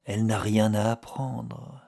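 A woman doing a slow, gravelly admiring music master. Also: rumbling low, fairly even intonation, mellow, no room sound, clean studio sound, pitched below the performer's own voice, heavily acted. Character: male music master, admiring, older man.

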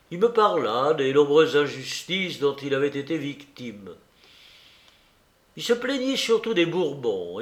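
A man narrating a literary story aloud in a measured, expressive reading. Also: medium pitch, reverberant. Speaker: audiobook narrator.

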